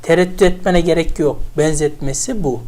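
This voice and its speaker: A teacher giving an online English vocabulary lesson, chatty and animated, asking themselves questions aloud as they recall memory tricks. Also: medium pitch, moderate pace.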